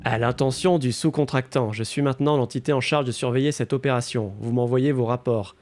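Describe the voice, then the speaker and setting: A man's voice: mid-range voice, steady tone, brisk, darkish tone, soft background music. A man putting on a robot voice to read the messages of a cold, formal corporate AI overseer while playing a game. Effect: robot voice, put on by mouth without any filter. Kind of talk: reading in-game text aloud while streaming.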